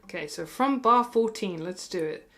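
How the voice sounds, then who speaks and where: A woman's voice: mid-range voice, lively intonation, normal speed. A woman teaching a guitar tutorial, chatty and encouraging, who counts beats and sings rhythm syllables and often laughs. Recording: guitar playing loud behind the voice.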